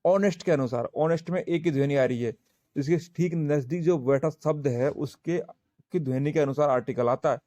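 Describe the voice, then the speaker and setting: A man with a fairly high but mellow voice teaching a grammar class for exam students. He goes step by step, asking a question and answering it himself. The sound is dry and close, with no room around it. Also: no echo. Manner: slow, repetitive, asks and answers his own questions. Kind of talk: exam-prep grammar lesson.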